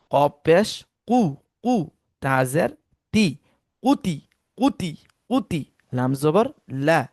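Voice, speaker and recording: A man teaching Quran reading, drilling syllables slowly and asking listeners to repeat each one after him. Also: a little high, darkish tone, no echo, clean studio sound. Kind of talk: Quran spelling lesson with repetition drills.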